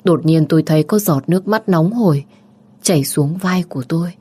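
Brief: female narrator, deep-set voice, first-person romance reading. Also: a little fast, mellow, husky.

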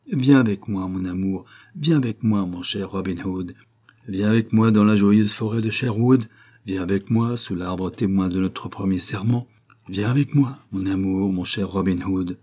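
A man's voice: mid-range voice, darkish tone, husky, voice pushed up, natural voice. A man voicing a playful teenage boy archer in a storybook reading, teasing and sing-song.

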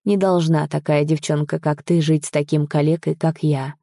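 A woman voicing a brooding young man in a wheelchair, gruff and bitter but tender. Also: low-pitched, level tone, moderate pace, mellow, no echo, clean studio sound.

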